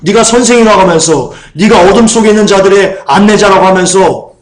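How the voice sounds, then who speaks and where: Echoey, higher-voiced preacher man. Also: a little fast. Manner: conversational, repeats phrases, asks the congregation questions. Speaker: pastor. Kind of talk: sermon. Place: church sanctuary. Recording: roomy church echo.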